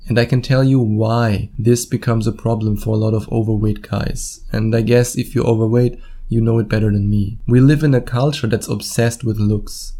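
A podcast host and dating coach with a German accent speaks in a mellow, lowish voice. In his solo monologue he addresses listeners casually and bluntly, swearing offhandedly and acting out imagined quotes.

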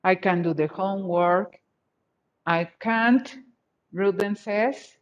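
Slow, encouraging woman teacher. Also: mid-range voice, lo-fi sound. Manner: encouraging, repeats students' sentences slowly. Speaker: English teacher. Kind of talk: online class teaching, bilingual. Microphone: video call.

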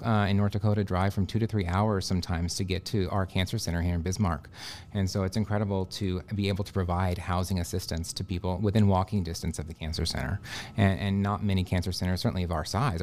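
Low-voiced guy from texas, doc on a podcast, earnest, lots of ums and restarts. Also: a little mellow, slight background noise. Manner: earnest, many fillers and restarts. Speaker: radiation oncologist guest. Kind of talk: conversational interview answers.

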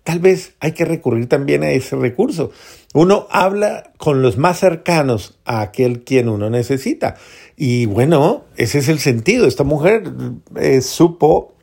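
Gravelly, husky-voiced priest preaching. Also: male voice, a little high, animated, unhurried. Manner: earnest, repeats phrases for emphasis, soft prayerful drops. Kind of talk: homily.

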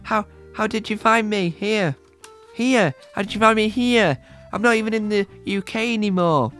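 A man's voice: sits high, moderate pace, fairly bright tone, faint music behind. A man voicing a jumpy, easily frightened young man who stammers in panic. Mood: bewildered.

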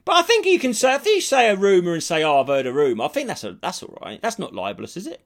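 A man's voice: on the high side, wildly swooping pitch, quick pace, vocal fry. A British man co-hosting a casual comic podcast, ranting bluntly and swearing freely. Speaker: podcast host.

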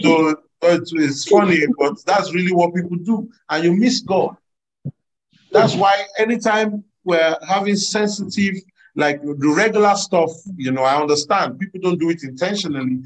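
A man preaching a sermon, animated, laughing and drawing answers from his congregation. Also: high voice, normal speed, a little hiss or hum, rough recording. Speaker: pastor.

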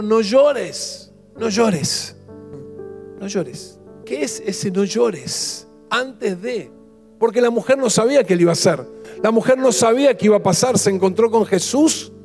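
A man with an Argentine accent preaching a sermon as pastor. He fires off rhetorical questions and drops to hushed repetitions. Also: high voice, moderate pace, soft background music.

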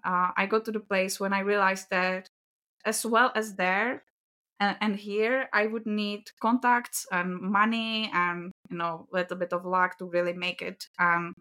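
A woman's voice: medium pitch, steady tone, measured pace, bright, forceful tone. A woman with a Czech accent, a non-native English speaker, answering interview questions casually with frequent laughs and hesitant fillers. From Czech Republic. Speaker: podcast guest.

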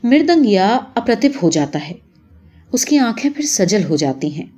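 A woman narrates a literary short story in a warm, mellow tone. Her reading is expressive, with a lively, wide-ranging melody. She steps briefly into the characters' voices as she goes. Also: fairly high pitch.

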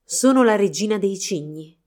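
A woman voicing a gentle, mournful young swan queen in a storybook reading, speaking softly. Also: mid-range voice, animated, moderate pace, lightly acted. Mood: sad soft. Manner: soft, mournful.

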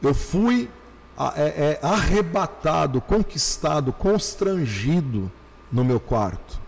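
A male pastor telling his conversion story on a podcast, animated, slowing down and repeating phrases for emphasis. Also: a little high, gravelly, in a large hall, slight background noise. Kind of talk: podcast testimony.

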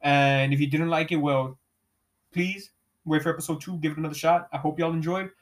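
A young man hosts a loose, unplanned podcast in a fairly high, somewhat raised voice, speaking fairly quickly with fairly even intonation. His casual chat is full of easy slang, "bro" and heavy swearing, and he laughs often.

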